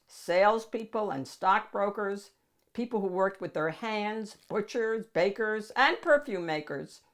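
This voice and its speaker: A mid-range female voice reads a picture book to young listeners in a storytime setting. The host uses dramatic pauses and draws out key words.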